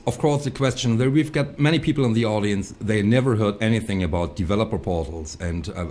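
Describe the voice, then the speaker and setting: A man's voice: lowish voice, darkish tone. A man co-hosting a casual chat on a video call, often stopping and restarting his sentences. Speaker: co-host.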